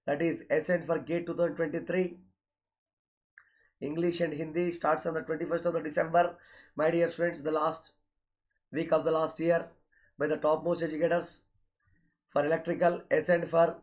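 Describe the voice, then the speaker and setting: A man's voice: fairly high pitch, darkish tone, rough recording. A man with a South Indian accent speaking as an online coaching teacher, announcing courses and schedules and repeatedly addressing his students. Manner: repetitive, often addresses students directly with filler okays.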